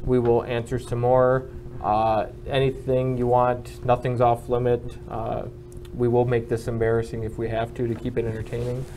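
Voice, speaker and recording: A man's voice: medium pitch, completely flat delivery, moderate pace, warm tone. A man hosting a casual livestream, loose and rambling with lots of fillers. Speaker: livestream host. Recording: noisy room with background hum.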